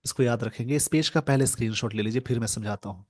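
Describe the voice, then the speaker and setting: A man's voice: mid-range voice, darkish tone, no echo. Guy teaching off a newspaper, plain middle voice, dry sound, goes word by word. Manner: explains word by word, reads English phrases slowly. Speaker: English teacher. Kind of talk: newspaper editorial lesson.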